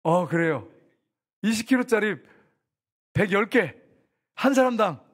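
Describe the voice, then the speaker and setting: A man preaching a sermon as pastor, lively and chatty, teasing the congregation with questions. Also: high voice, a little slow.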